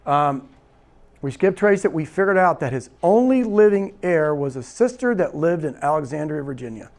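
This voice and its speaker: A man's voice: fairly high pitch, moderate pace. A man teaching a real estate investing seminar, telling a story and acting out the dialogue, often checking in with "right?". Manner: animated storyteller, acts out quoted dialogue, repeats "right?". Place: seminar room.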